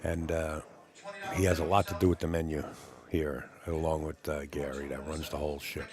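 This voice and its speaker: A man's voice: extremely low pitch, level tone, normal speed, crowd noise. A man hosting a live tournament stream with casual, chatty, folksy commentary.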